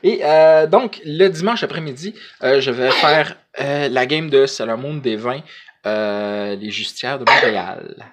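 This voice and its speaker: A man's voice: medium pitch, measured pace, slight background noise. Male vlogger, Quebec French accent, mid-range voice, casual and slangy, feeling his way through loose, hesitant sentences. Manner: hesitant and rambling, with colloquial slang. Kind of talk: casual chat to camera.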